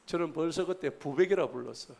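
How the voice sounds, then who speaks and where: A man's voice: on the high side, fairly quick, vocal fry, darkish tone. A man, preaching a sermon at a church service in a folksy, joking way and quizzing the congregation. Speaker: pastor.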